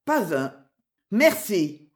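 A woman's voice: medium pitch, big pitch swings, drawn-out words. A woman voicing a cheerful, teasing teenage boy messenger in a read-aloud story. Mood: cheeky. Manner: teasing, chatty.

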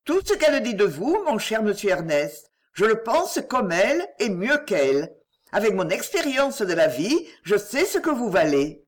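A grave, sorrowful mother speaks slowly and gently, as a woman reader puts her on. Her lines stretch out in lament, with a lively melody that still sinks toward sadness. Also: medium pitch.

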